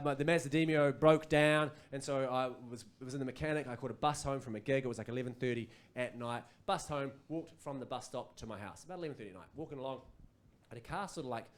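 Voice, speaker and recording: A man's voice: medium pitch, fast. New Zealand man doing stand-up. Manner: animated storytelling, acts out voices. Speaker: stand-up comedian. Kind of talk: stand-up comedy set. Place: comedy club stage.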